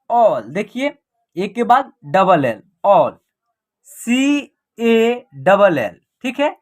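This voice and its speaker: A woman teaches an online English reading class at a steady classroom pace. She spells words out letter by letter, poses short rhetorical questions and answers them herself. She checks in with the class over and over, keeping the tone patient and instructive. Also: mid-range voice. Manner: repeats "ठीक है" as a check-in.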